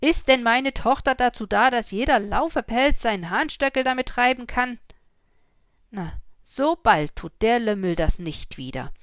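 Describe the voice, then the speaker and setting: A woman voicing an indignant peasant father who shouts his complaint in a storybook reading. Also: fairly high pitch, expressive, unhurried, smooth, no echo, voice pushed up. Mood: furious. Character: angry peasant father, middle-aged man, loud.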